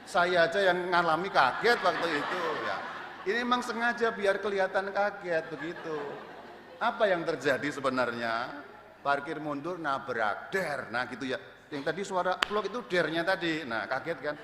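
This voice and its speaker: Lively male priest in echoey church. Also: fairly high pitch, moderate pace, background noise. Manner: lively storyteller, acts out surprise, loud bursts. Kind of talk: homily telling a personal story. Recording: echoey church with long reverb.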